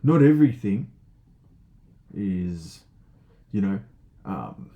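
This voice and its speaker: A man with a low, mellow voice gives a relaxed spoken lesson. He thinks aloud, leans on fillers and keeps asking "right?" as he goes. When he reads a passage he slows down and sounds each word out with care. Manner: reads passages slowly and carefully. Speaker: teacher.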